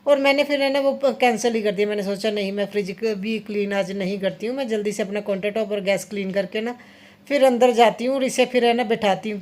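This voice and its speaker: A woman's voice: mid-range voice, darkish tone. A woman in her thirties chatting casually to viewers in a home vlog, talking her way through kitchen chores. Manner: chatty, addresses viewers directly. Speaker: vlogger mother.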